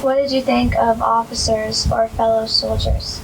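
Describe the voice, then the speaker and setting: A woman's voice: on the high side, flat delivery, moderate pace, gravelly, very noisy. A woman interviewer reading out prepared questions.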